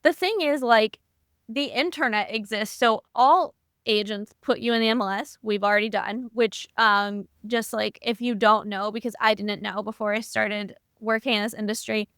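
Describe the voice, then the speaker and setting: A woman's voice: fairly high pitch, fairly even intonation, a bit bright, clean tone, no room sound, clean studio sound. Chatty woman co-hosting a property podcast. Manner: chatty, quick asides, fillers. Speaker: podcast co-host. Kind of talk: casual podcast chat.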